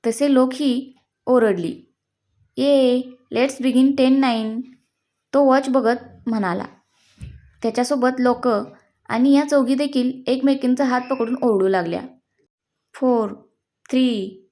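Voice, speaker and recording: A woman's voice: a little high, a little mellow. A woman reading a story aloud as scripted narration, speaking every character's lines in her own voice.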